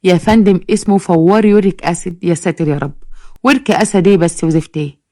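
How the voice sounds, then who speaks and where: A woman's voice: lowish voice, fast talker, mellow, no room sound, clean studio sound, lightly acted. A woman voicing an exasperated young Egyptian pharmacist who answers customers sarcastically. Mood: exasperated, sarcastic.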